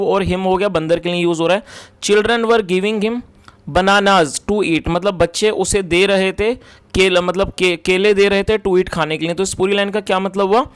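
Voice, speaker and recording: High-voiced man teaching English in Hindi. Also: clean tone. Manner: slow, word-by-word reading of English lines, frequent fillers. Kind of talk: explaining English sentences in Hindi.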